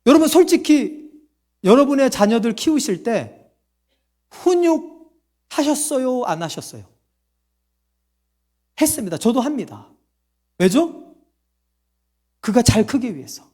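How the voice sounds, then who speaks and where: High-voiced, lively male pastor preaching. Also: a little slow, long pauses. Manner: asks the congregation questions and answers them himself; acts out quoted voices. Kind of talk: sermon.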